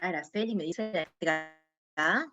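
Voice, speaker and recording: A woman's voice: on the low side, a little slow, muffled recording, over music. A woman teaching an online class for teachers, going over quiz answers, naming students and repeating key words. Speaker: teacher training instructor.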